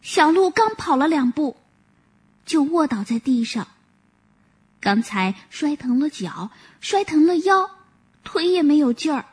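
A woman gently narrating a children's story. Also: sits high, very animated, unhurried, long pauses.

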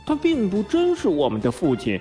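Complaining boy, as a male reader puts him on, high lively voice, self-important, storybook. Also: fairly quick, faint music behind. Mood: grumbling. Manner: grumbling.

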